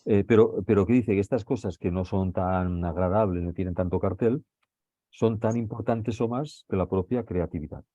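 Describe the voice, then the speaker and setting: A man's voice: sits low, moderate pace, dark tone, no room sound, lo-fi sound. A man teaching a class, walking students through a text and checking often whether they follow. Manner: checks understanding with frequent tag questions.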